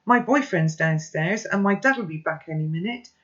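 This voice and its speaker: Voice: medium pitch, lively intonation, normal speed, fairly bright tone, highs cut off, natural voice. A reader voicing a terrified teenage girl who shrieks and trembles as she begs.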